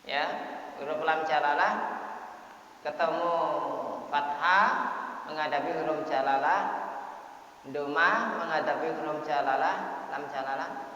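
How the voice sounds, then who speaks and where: A man teaching a Quran recitation lesson who chants the Arabic words and often clears his throat. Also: a little high, steady tone, measured pace, pauses often, sharp tone. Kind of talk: tajwid lesson. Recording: dull, echoey hall sound.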